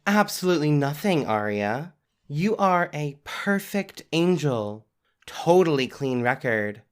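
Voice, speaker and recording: An actress playing a cool, suspicious superhero who is dry and passive-aggressive. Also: female voice, sits low, very animated, slow pace, exaggerated voice. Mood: sarcastic. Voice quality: dry, sarcastic. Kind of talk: audio drama acting.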